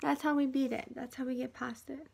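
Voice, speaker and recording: A woman with a high voice talks straight to her viewers in a rambling, heartfelt monologue. She drifts between earnest pleading and a soft hush, speaking from a half-unpacked house. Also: flat delivery, a little fast, gravelly, husky. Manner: rambling and emotional, sometimes dropping to a soft hush.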